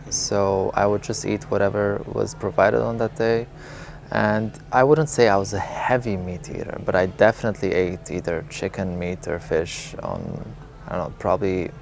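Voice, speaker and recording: Low gravelly-voiced man from Lebanon. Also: a little mellow, slight background noise. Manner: candid, reflective, with small laughs and fillers. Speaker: interviewee, vegan advocate. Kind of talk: relaxed storytelling interview.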